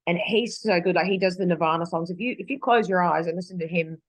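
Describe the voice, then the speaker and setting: She's a fast-talking Australian singer with a fairly low-pitched voice, chatting as a guest in a relaxed interview. Heard via video call with no room sound, her talk wanders, packed with fillers and false starts.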